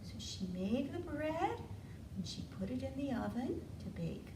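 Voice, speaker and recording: A children's library storytime host tells stories and rhymes to young children, coaxing them along by asking them questions. Her voice sits high, sing-song and unhurried. The recording is echoey, from a distant mic, with clear noise.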